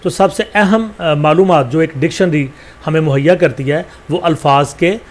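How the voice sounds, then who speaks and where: A male teacher with a Pakistani accent who reads English lines slowly, then explains them at length with many pauses. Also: a little high. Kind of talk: explaining a textbook lesson.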